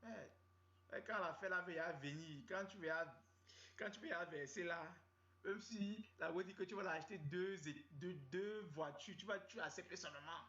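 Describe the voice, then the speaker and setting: A man's voice: sits high, normal speed, a bit bright. A man with a Cameroonian French accent telling a comic story in a rambling, slangy, repetitive way. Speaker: comedian storyteller. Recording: roomy, dull lo-fi sound.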